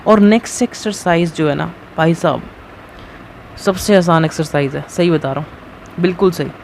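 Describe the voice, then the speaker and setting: A man's voice: fairly high pitch, moderate pace, gravelly, a little mellow. A young man teaching a math lesson in a casual, chatty way, often checking in with his students. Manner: casual, chatty teaching with frequent "theek hai". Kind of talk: screen-recorded math lesson. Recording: faint background noise.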